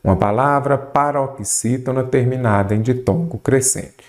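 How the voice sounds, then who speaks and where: A man's voice: medium pitch, normal speed. A man teaching a grammar lesson for exam prep, asking and answering his own questions and stretching out words. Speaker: Portuguese teacher.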